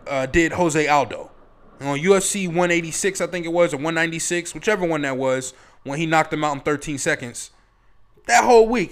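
A man's voice: a little high, a bit bright. A man giving casual, opinionated fight commentary in a blunt, profane, rambling way. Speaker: MMA commentator.

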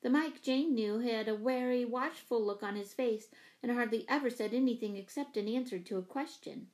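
A woman reads a children's novel aloud in a clear, even audiobook style. Her voice sits fairly high and her pacing is steady and measured. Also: poor audio. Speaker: narrator. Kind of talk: audiobook narration.

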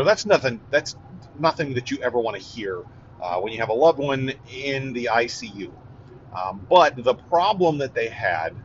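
A man giving a casual, earnest update, halting with many fillers and restarts. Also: on the low side, fairly bright tone. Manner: earnest and relieved. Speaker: vlogger giving a family update. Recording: dull lo-fi audio with faint vehicle noise.

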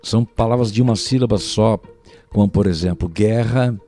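Over soft background music, a male language teacher with a Brazilian Portuguese accent explains things patiently in a recorded lesson. His lowish voice is mellow and moderately paced, and he keeps checking in with the listener by asking "né?".

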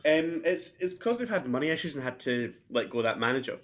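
A man's voice: medium pitch, expressive, fast. A man co-hosting a casual football podcast, blunt and wry. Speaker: podcast co-host.

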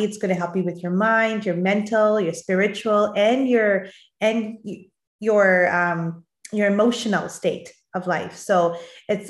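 A woman hosting a motivational interview, speaking in an encouraging way. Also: medium pitch. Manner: encouraging, addresses listeners as fellow moms. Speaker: show host. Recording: roomy, echoing sound.

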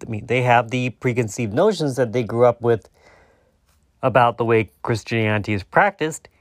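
A man's voice: medium pitch, dry recording. Man hosting a debunking podcast, dry close sound. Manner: halting, often rewords mid-sentence. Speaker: podcast host. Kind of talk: solo debunking podcast monologue, explaining.

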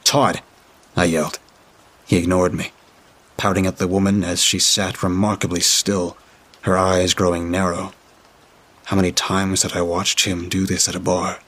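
A man reading a horror story aloud in a dry, steady storytelling manner. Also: low voice, normal speed. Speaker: narrator.

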